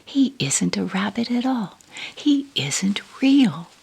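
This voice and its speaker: A woman's voice: mid-range voice, sing-song, slow, gravelly, darkish tone, husky, voice pushed up, full character voice. A woman voicing a nosy, mocking male wild rabbit from a storybook in a blunt, teasing whisper. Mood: dismissive. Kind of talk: storybook character in ASMR reading.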